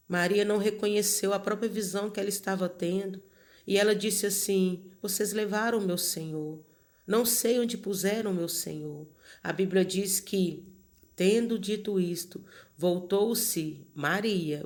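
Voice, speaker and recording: A woman with a Brazilian Portuguese accent delivers a sermon in an earnest, insistent way. She circles back over the same phrases and speaks directly to her listeners as beloved, in a voice of ordinary middle pitch. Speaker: preacher.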